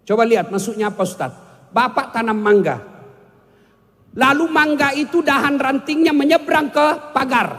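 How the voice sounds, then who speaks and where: A man's voice: very high voice, normal speed, fairly bright tone, in a large hall. A man preaching a humorous sermon, joking with the audience and singing snatches of songs. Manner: jokey, sings snatches of songs, banters with the audience. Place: large hall with an audience.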